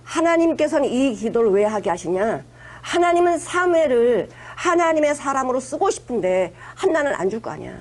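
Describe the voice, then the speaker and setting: A woman's voice: high-pitched, big pitch swings, normal speed. A woman pastor preaching a conversational sermon, retelling scripture with acted-out quotes and emphatic asides.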